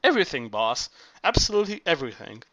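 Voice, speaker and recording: Guy reading as zorba, earthy old greek worker, big lusty talk, bright edge, kinda high. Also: very animated, fast, no room sound, full character voice. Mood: musing. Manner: lusty, expansive storytelling. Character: earthy old Greek male workman, exuberant.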